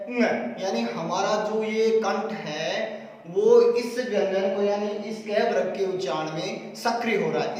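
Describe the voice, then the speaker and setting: A man's voice: high-pitched, a little mellow. A man teaching a classroom grammar lesson, methodical, repeating terms and sounding out examples aloud. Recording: echoey hall, recorded from far off.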